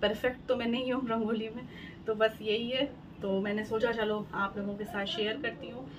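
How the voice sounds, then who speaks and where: A woman in her thirties with a fairly high pitch, level tone and moderate pace chats to camera in a home vlog, showing items in turn with plenty of fillers. Filmed on a phone in a bright room and later a balcony, the audio has clear background noise.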